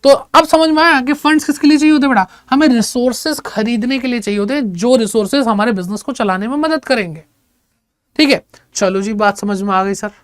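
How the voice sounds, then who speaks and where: A man teaching an energetic class. He asks his students questions, answers them himself, and calls them "beta". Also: very high voice, a little fast, no room sound. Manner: chatty, mixes in English terms.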